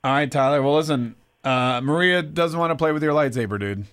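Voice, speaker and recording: A man's voice: on the high side, a little fast, fairly bright tone. A man hosting a morning radio show who is upbeat and teasing, joking as he talks with callers. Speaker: radio host.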